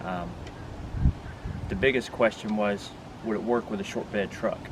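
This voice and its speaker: An RV vlogger with a fairly low voice walks viewers through gear step by step, speaking casually and plainly to camera beside a pickup truck bed. His intonation is lively and his pace unhurried, while wind and vehicle noise come through clearly behind him outdoors.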